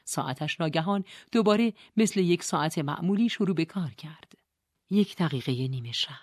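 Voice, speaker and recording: Hushed woman narrating an audiobook. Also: fairly low pitch, expressive, no room sound, clean studio sound. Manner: soft, hushed and breathy in narration. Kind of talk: scripted narration.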